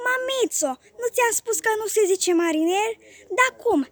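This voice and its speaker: A woman doing a shrill spoiled little boy. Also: lively intonation. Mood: bossy. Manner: shrill, petulant, bossy shouting. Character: spoiled bratty little boy, demanding and whiny.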